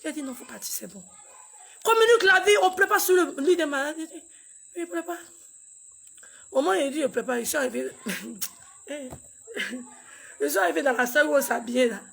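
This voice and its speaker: High gravelly-voiced mother telling a painful story. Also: animated, fairly bright tone. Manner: halting and repetitive, acts out dialogue. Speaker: grieving mother recounting a loss. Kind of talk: emotional personal storytelling.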